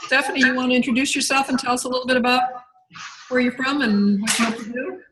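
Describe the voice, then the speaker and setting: A woman leading a workshop over a video call, brisk and friendly, moving the group along. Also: high-pitched, fairly even intonation, fairly bright tone, a little hiss or hum, low-quality recording. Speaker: workshop facilitator.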